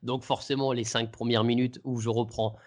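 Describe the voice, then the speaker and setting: A man's voice: medium pitch, little pitch movement, moderate pace. A man, a comedian guest, casually telling an anecdote in an interview, hesitant and full of restarts. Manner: hesitant, many restarts and fillers.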